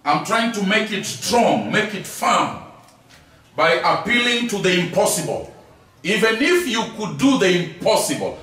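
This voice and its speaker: Lively man teaching in an echoey hall. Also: sits high. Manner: emphatic, repeats key words, asks rhetorical questions. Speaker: Bible teacher. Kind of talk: classroom Bible teaching. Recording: very echoey hall, distant mic, faint noise.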